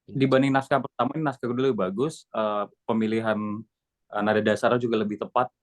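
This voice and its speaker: A young man coaching a news reader, giving relaxed, explanatory feedback in a casual tone. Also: mid-range voice, fast. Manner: relaxed, explanatory, demonstrates lines. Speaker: journalism coach.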